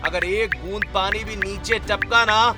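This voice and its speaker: A man voicing a drunk, bad-tempered brother who shouts abuse in a cartoon story. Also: sits high, moderate pace, over music, natural voice. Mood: angry shouting. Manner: shouting, abusive, demanding.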